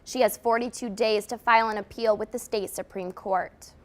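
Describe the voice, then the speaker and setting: A woman's voice: on the high side, fairly even intonation, normal speed. An American woman reading scripted television news as the anchor.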